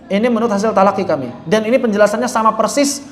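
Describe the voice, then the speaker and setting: In an echoey room with faint background noise and a crowd audible, a Quran recitation teacher leads a class that repeats after him, explaining step by step, demonstrating sounds, posing and answering his own questions, and firmly correcting mistakes. The voice is medium-pitched and very fast.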